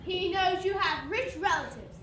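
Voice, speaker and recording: A woman's voice: extremely high pitch, animated, normal speed, fairly bright tone. A woman playing a domineering, scolding rich old aunt in an amateur stage play, heard from afar in an echoing room with some noise. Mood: imperious. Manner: imperious, scolding. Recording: distant, echoey room, faint noise.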